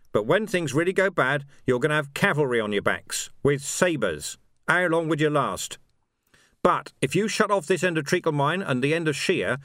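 Gruff worn-out sergeant yelling orders, a man reading him, lively swings in his voice, dry sound. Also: a little high, no room sound, pitched above the performer's own voice. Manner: shouting orders. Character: gruff weary male watch sergeant, commanding. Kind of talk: audiobook character voice.

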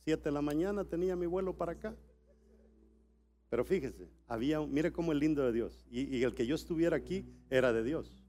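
The recording carries a little hiss or hum as a middle-aged man from El Salvador preaches briskly in a voice on the high side. At the church conference, he goes from quiet storytelling to shouted exhortation.

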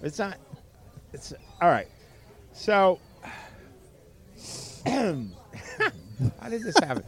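A man's voice: high-pitched, wildly swooping pitch, extremely slow. A man hosting a casual podcast chat, easygoing, laughing along and hesitating with fillers as he thinks. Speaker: podcast host.

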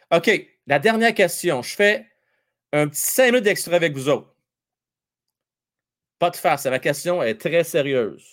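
A man with a Québécois French accent hosting a hockey livestream, chatting and joking with his viewers in an excitable way. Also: a little high. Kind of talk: casual live chat with viewers.

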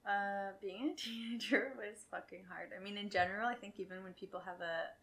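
Her voice is medium-pitched and somewhat bright, delivered fairly quickly with fairly even intonation. She's a young adult podcast guest from Quebec, Canada, casually recounting her past with candor, frequent laughs, and occasional swearing.

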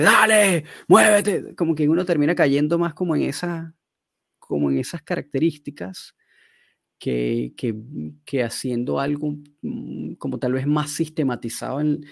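A man's voice: medium pitch, creaky, a little mellow, no echo. Easygoing man, dry close sound. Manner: thinks aloud in loose, searching phrases. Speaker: dog trainer, podcast co-host. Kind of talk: casual podcast conversation.

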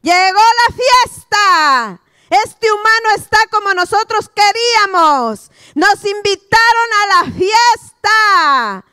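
A woman's voice: lively intonation, takes it slowly, pushed and bright, dry recording, studio quality, exaggerated voice. A woman preacher voicing gloating pigs and dogs who cheer that the party has come. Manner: gloating, sing-song high voice.

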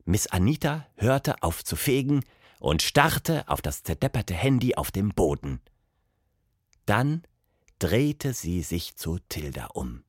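Male children's-story narrator, very lively pitch, dramatic, dry close sound. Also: takes it slowly, slightly rough, no room sound.

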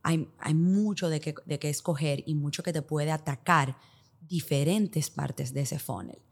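Woman, low voice, Dominican accent, Spanglish with English business jargon, podcast guest, explanatory. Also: measured pace, gravelly, breathy edge. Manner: Spanglish, mixing English business terms into Spanish. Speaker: podcast guest, digital marketing expert. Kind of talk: explanatory interview talk with hypothetical examples.

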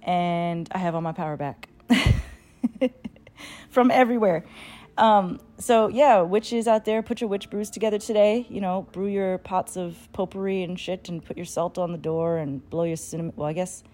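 A woman's voice: fairly low pitch, moderate pace, warm tone. A woman chatting casually and candidly to her followers in a rambling, slangy way with plenty of swearing. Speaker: solo vlogger and podcaster.

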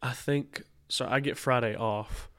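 Male podcast co-host, blocked nose from a cold, casual slangy chat, slightly low pitch, close dry sound. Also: fairly even intonation, a little slow, a bit bright, no echo. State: congested from a lingering cold.

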